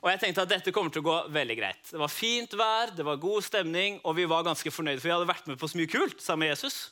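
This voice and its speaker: A man with a high voice and a bright, forceful tone tells a children's Bible story in the first person. He speaks as one of the disciples and turns to his young listeners now and then. His telling stays lively and dramatic.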